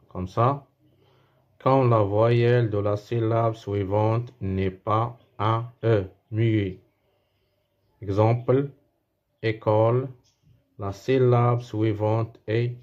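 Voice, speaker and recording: A man with a Moroccan accent teaches a French spelling lesson to schoolchildren. His voice sits low and he talks very slowly, repeating words and circling back as he explains. The recording sounds dull and lo-fi. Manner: slow, repeats words and restarts while explaining.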